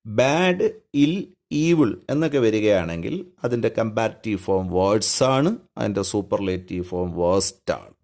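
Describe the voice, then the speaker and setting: A man's voice: on the low side, lively intonation, normal speed, darkish tone. A man with a Malayali accent teaching an English grammar lesson. He goes patiently step by step, asking questions and then answering them himself. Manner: patient, explains step by step, asks and answers his own questions.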